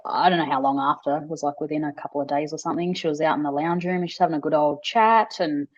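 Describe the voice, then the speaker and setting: Low-voiced woman telling stories. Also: fast talker. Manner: animated storyteller, acts out quotes in high voices. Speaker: podcast co-host. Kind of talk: casual chat. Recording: dull lo-fi audio.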